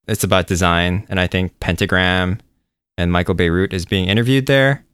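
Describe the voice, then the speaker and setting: A man with a lowish, resonant voice talks in a loose, meandering way. He sounds relaxed and pokes fun at himself. The sound is close and dry, with no room around it. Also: normal speed, clear, resonant tone, dry recording. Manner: relaxed, rambling, self-deprecating. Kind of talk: casual chat.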